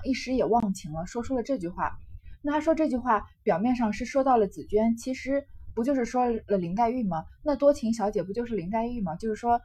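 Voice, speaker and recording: A woman's voice: on the high side, dark tone, husky. A woman retelling and explaining a classic novel in a chatty way, with many fillers. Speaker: literature explainer. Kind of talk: storytelling commentary.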